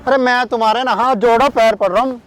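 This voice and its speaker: A man's voice: extremely high pitch, steady tone, fast talker. A man playing a desperate married man who begs to be set free, pleading and exasperated. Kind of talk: scripted short drama.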